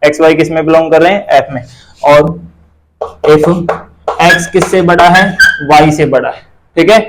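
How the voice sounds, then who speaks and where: A man's voice: fairly high pitch, steady tone, normal speed, noisy background. Hindi-speaking man teaching a math lecture. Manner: asks and answers his own questions, repeats terms.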